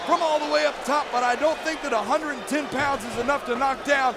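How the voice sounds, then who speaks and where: A man giving excited lucha libre announcer commentary, calling the play-by-play emphatically. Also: very high voice, a little fast, heavy background noise. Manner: emphatic, shouted calls. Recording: loud music behind. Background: loud music.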